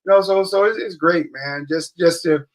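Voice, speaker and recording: A man hosting a channel chat rambles along with constant "you know what I'm saying" tags. His voice sits somewhat high for a man. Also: moderate pace. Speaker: channel host. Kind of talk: casual chat.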